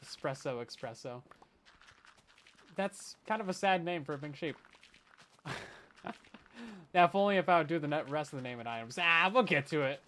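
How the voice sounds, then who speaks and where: A man's voice: a little high, moderate pace, pauses often, pushed and bright, slight background noise. A man chatting casually with his live chat while he plays a game, playful and laughing often. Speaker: game streamer. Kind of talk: casual live-stream gameplay commentary.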